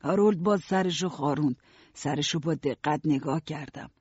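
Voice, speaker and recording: A man narrating an audiobook in a steady first-person storytelling voice. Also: fairly high pitch, husky, no echo, lo-fi sound.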